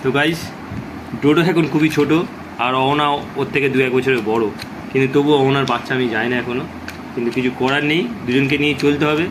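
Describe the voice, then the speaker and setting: A man's voice: mid-range voice, steady tone, fast talker, background noise. A man hosting a casual family vlog, chatting to viewers and coaxing small children while walking around his home and rooftop. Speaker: vlogger.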